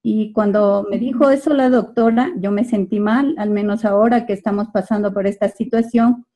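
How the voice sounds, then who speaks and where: An Ecuadorian woman speaking up on a video call. Her voice is dark and mellow, at a middle pitch. She talks with many hesitant pauses. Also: steady tone. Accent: Ecuadorian Spanish. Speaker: optometrist asking a question in a webinar.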